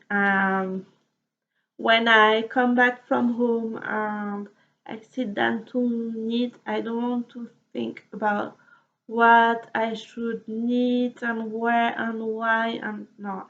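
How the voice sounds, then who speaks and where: Give me a slightly high-voiced French woman chatting casually and haltingly, with a low, gravelly rasp at times. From France. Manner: halting, repeats words, soft laughs. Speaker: knitting podcaster. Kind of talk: casual chat. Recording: dull lo-fi sound.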